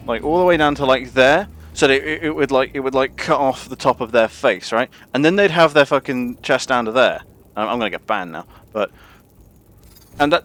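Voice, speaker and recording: A man's voice: mid-range voice, a bit bright. A man ranting casually and profanely on a gaming livestream, rambling with lots of restarts. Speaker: gaming streamer.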